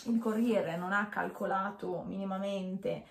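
A woman's voice: mid-range voice, steady tone, measured pace, vocal fry. A woman in her thirties chatting casually to camera while wearing a dental retainer, hesitant and correcting herself as she goes. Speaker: beauty vlogger. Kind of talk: casual chat unboxing to camera. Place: small indoor room with bare walls. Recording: echoey small room.

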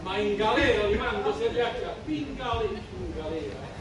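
A man's voice: sits high, animated, normal speed, a loud crowd. An older man playing a stammering, flustered man in disguise. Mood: hesitant. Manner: hesitant, stammering. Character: flustered middle-aged man posing as a porter. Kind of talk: amateur stage comedy. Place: large hall theater stage. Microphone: far camera in the audience. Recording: echoey hall from far off, noisy.

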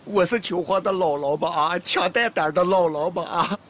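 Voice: mid-range voice, normal speed, close to an everyday voice. An actor playing a stubborn, feisty grandmother who grumbles, scolds and sighs a lot, in a TV drama. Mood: complaining. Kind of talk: TV drama acting.

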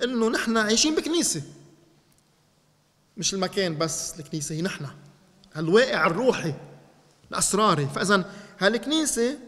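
A man preaching in a Lebanese Arabic accent, teaching a congregation and speaking to them directly with animated energy. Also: sits high, long reverb tail. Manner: animated, addresses listeners directly.

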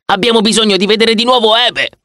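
Male narrator voicing a nervy young satyr, urgent, raised pitch. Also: steady tone, quick pace, bright, forceful tone, no room sound, clean studio sound.

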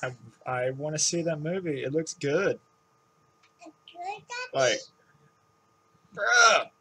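A man's voice: a little high, very slow. A man, chatting casually and slangily to camera as a laid-back reaction video host in a bedroom. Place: small bedroom indoors. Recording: noisy room webcam recording.

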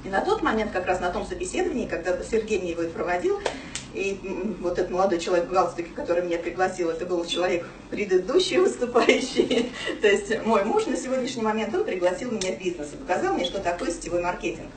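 A crowd can be heard behind a woman in her thirties who speaks quickly and animatedly in a medium-pitched voice. She is telling her own story to a small audience at a business meeting, chatty and with plenty of fillers. The audio comes from a far camera with no mic across a small office, so it sounds roomy and distant.

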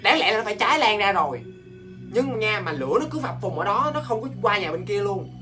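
A man with a Southern Vietnamese accent, hosting a ghost story show in a chatty, animated way and talking straight to his viewers. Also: high-pitched, music in the background. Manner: animated, talks straight to viewers, quick asides and laughs.

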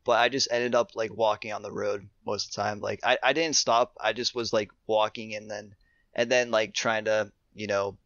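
A man's voice: lowish voice, steady tone, normal speed, a bit bright, no room sound. A young man, a podcast guest, chatting casually about hiking with many fillers and restarts. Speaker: podcast guest, thru-hiker. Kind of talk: casual interview chat. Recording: dull lo-fi remote audio.

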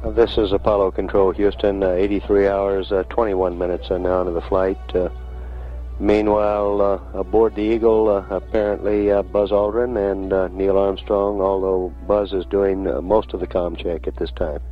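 A man with a low voice gives live space mission commentary as a control announcer. He is measured and halting, with little pitch movement, on a band-limited 1960s radio broadcast. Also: flat delivery, muffled recording, soft background music. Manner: measured, halting, with many hesitations.

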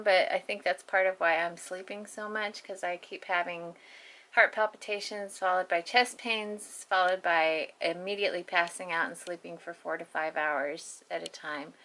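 A woman's voice: fairly low pitch, fairly bright tone. Chatty, folksy woman vlogging casually. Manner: folksy, chatty, self-deprecating. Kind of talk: casual chat. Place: home kitchen, indoors.

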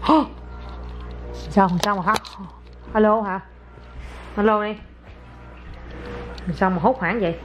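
A woman's voice: medium pitch, takes it slowly, pauses often, soft background music. A woman, a mother filming her toddler in a casual home vlog, chatty and exclaiming as she coaxes the child.

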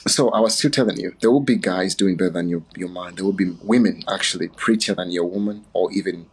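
Very deep gravelly man from Uganda. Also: quick pace, rough recording. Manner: playful, chatty, often laughing. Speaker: livestream host. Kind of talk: casual livestream chat.

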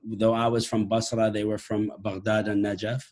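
A man in his late thirties from Iraq, a musician and professor, speaks at a fairly low pitch with a flat, slightly mellow delivery and normal speed. Over a laptop webcam video call from his living room, he talks thoughtfully to camera, often restarting phrases as he reflects.

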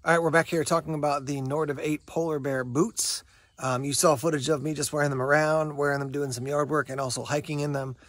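Filming outside in the woods, a yard, and a parking lot, this gear reviewer, an American in his forties, talks through a product off the cuff, chatty and slightly unsure. His pitch is fairly high, his tone level, brisk, and a bit bright. The sound is described as dry and clean studio quality, yet clear outdoor background noise comes through.

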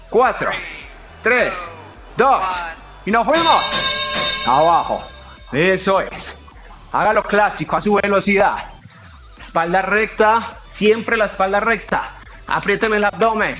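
A man's voice: high voice, a bit bright. A man with a Colombian accent coaching a home workout, pushing hard and counting down the reps with energy. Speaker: fitness trainer.

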